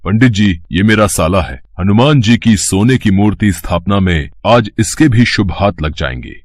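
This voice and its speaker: A man's voice: lowish voice, lively intonation, normal speed. A man voicing a self-important village headman in a cartoon, giving orders. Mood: pleased. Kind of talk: cartoon voice acting.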